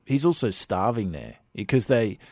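A man's voice: lowish voice, very animated, normal speed, darkish tone, dry recording, studio quality. An Australian man, a documentary filmmaker, chatting enthusiastically in a radio interview, with lots of fillers and restarts.

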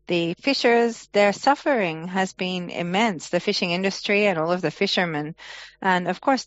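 A woman interpreter giving a translation voice-over of a speech at an online forum, in an earnest, measured way. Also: mid-range voice. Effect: translation voice-over of a speaker. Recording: dull lo-fi online forum audio.

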